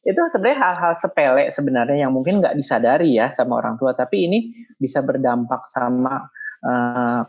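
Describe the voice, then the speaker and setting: A guest expert calmly explaining in a podcast interview, sometimes acting out scolding parents in a raised voice. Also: mid-range voice, brisk. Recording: muffled lo-fi audio.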